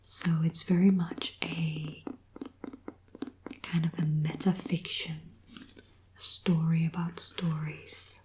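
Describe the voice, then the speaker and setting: Slow whispered role-play, woman in library whisper. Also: sits low, little pitch movement, background noise. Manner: soft library whisper, unhurried and gentle. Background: soft clicking and tapping sounds.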